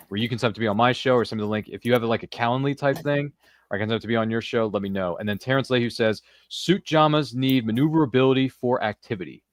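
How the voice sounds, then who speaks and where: Jokey and casual, a male podcast host quotes pop culture, repeats phrases, and reads aloud comments from livestream viewers. His mid-range voice is recorded with no echo.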